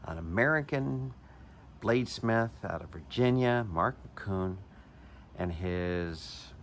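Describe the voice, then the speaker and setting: A man's voice: fairly low pitch, expressive, slow, a little hiss or hum. A man and knife collector giving a chatty, enthusiastic show-and-tell review, with chuckles and hesitant restarts.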